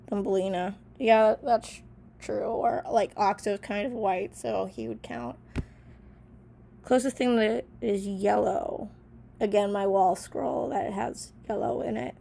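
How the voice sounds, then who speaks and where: A woman's voice: mid-range voice, steady tone, unhurried, gravelly, mellow. A young woman vlogger with a sick, stuffy voice, chatting casually as she reads old journal answers aloud and comments on each one with lots of fillers. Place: small bedroom in an apartment.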